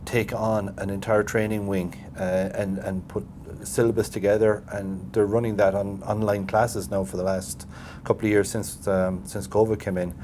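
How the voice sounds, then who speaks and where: A man from Galway with a West of Ireland accent, chatting casually in an interview and haltingly thinking aloud. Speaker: president of a voluntary radio society. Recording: steady background noise with low rumble.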